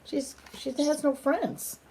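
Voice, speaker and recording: A high-pitched woman's voice, warm and fairly even in intonation, carries a slight hiss or hum. She reads a children's book aloud at a relaxed pace, stopping for chatty asides that coax a small bird with simple questions.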